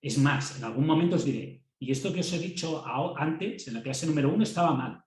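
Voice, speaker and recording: A man with a fairly high voice and a Castilian Spanish accent gives a university classroom lecture a little quickly, recorded in an echoey room. His style is conversational: he repeats words as he works through ideas and checks in with his students.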